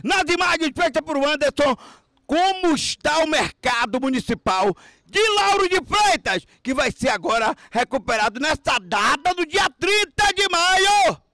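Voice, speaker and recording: A man, reporting loudly outdoors at a market site on a handheld mic, excitable and shouting. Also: extremely high pitch, unhurried, no room sound. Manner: excitable, shouting, preacher-like exclamations. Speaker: street reporter and host. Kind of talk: loud street reporting.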